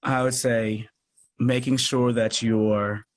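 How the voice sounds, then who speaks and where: On a noisy livestream call, the interview guest, a radio play producer, speaks slowly in a medium-pitched, level tone. He stays casual, earnest and effusive, frequently circling back over his phrases.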